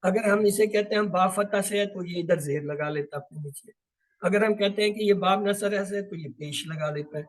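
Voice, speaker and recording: A man with a high voice gives a step-by-step grammar lesson on the Quran. He asks his own questions and answers them, drawing out each Arabic drill word slowly. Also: rough recording. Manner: draws out and repeats Arabic drill words slowly.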